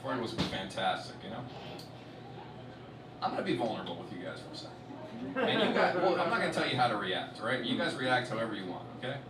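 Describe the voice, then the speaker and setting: A man doing a stand-up comedy set on a festival stage. He swears a lot and swings between loud outbursts and low muttered asides. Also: very animated, fast, a loud crowd. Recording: roomy hall, distant mic, loud audience.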